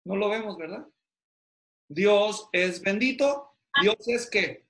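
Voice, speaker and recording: A man's voice: high-pitched, slow, pushed and bright. A man teaching theology to pastors in an interactive online class, constantly quizzing his students. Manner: questioning, drawing answers from students. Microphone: video call. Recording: roomy echo.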